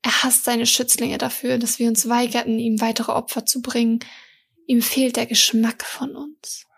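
A bitter, defiant young water girl, read by a woman with a dry, weary wryness. Her voice sits fairly high and breathy, with little rise and fall. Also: little pitch movement, normal speed, fairly bright tone, exaggerated voice. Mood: wry.

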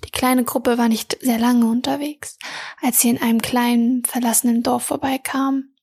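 A woman reading her own fantasy story aloud, narrating softly and often half-whispering. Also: fairly high pitch, little pitch movement, normal speed, creaky, breathy edge. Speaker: reader and author.

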